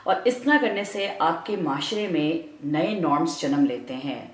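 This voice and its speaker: A woman's voice: low-pitched, expressive. A woman panelist in a casual discussion, explaining earnestly with formal vocabulary. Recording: echoey room.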